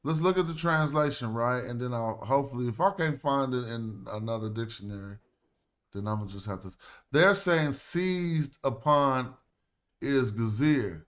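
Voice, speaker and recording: A man's voice: medium pitch, normal speed, fairly bright tone. A man hosting a casual livestream, talking loosely and thinking aloud as he walks through ancient Egyptian words. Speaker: host. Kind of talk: casual livestream walkthrough of hieroglyph texts.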